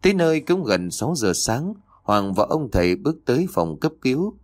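A man narrating a horror audiobook in a measured storytelling manner. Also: medium pitch, sing-song, a little mellow, no room sound.

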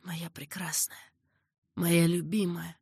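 A woman's voice: on the low side, fairly even intonation, moderate pace, no echo, clean studio sound, close to an everyday voice. A woman voicing an older male caliph who speaks earnestly, patiently and with sorrow. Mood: sorrowful. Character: older male caliph, grave and tender ruler.

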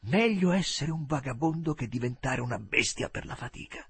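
A man's voice: medium pitch, expressive, moderate pace, gravelly, husky, voice pushed up, exaggerated voice. A man voicing a resolute young man who speaks firmly and earnestly in an audiobook reading.

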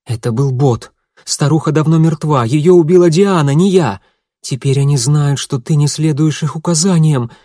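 A man in an audiobook voicing a frightened young woman who shouts urgent warnings. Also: a little high, normal speed, dry recording, studio quality, voice pushed up, close to an everyday voice. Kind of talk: audiobook narration.

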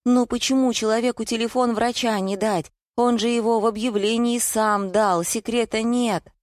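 A woman reading aloud and voicing a gossipy, timid middle-aged wife who chatters fast and whimpers. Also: sits low, a little mellow, no room sound, clean studio sound, natural voice. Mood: whimpering.

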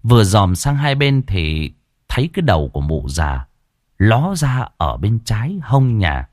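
Low, lively Vietnamese ghost-story narrator. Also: male voice, a little slow, dry recording.

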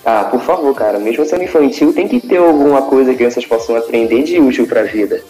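A man's voice: mid-range voice, a little fast, dark tone, soft background music, poor audio. A Brazilian man on a podcast, giving blunt, dismissive opinions in casual chat. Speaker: podcast co-host.

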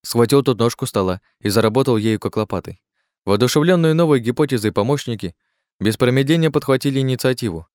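A man narrating a dark fantasy audiobook in an even, measured reading. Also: mid-range voice, dry recording, studio quality.

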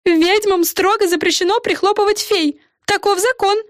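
A woman's voice: steady tone, normal speed, dry recording, clean studio sound. A woman voicing a pompous, squealing tiny female fairy with a piercing voice in an audiobook. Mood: indignant. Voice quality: shrill, piercing. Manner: haughty and bossy, exclaiming. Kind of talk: audiobook voice acting.

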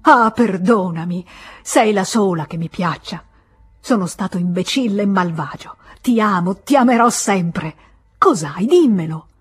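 Una donna che dà voce a un uomo orgoglioso e infedele, prima enfatico poi gelido. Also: female voice, low voice, a little slow, a little mellow, slightly rough, dry recording, clean studio sound, full character voice. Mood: emphatic. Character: cold, proud man, a faithless seducer.

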